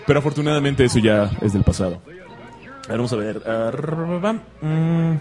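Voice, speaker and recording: A man's voice: mid-range voice, animated, moderate pace, darkish tone, faint music behind. A Mexican man hosting a casual online radio show about comics, chatty and joking, laughing often. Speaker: radio host.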